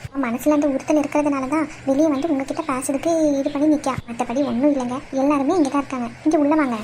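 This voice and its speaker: A woman voicing a patient, forgiving mother in a cartoon, gently pleading with her husband. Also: sits high, fairly even intonation, fast talker, slight background noise, close to an everyday voice. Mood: pleading, gentle. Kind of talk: Tamil cartoon voice acting.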